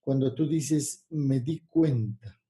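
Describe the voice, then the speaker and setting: Man, slow-speaking, dark-toned interview host. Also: medium pitch. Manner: measured, elaborate phrasing, rephrasing each question several ways. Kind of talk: interview questions.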